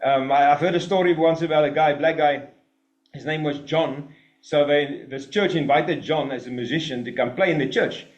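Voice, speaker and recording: A man preaching a sermon in an emphatic, animated way, with mocking asides. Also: a little high, moderate pace, dull audio. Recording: roomy echo.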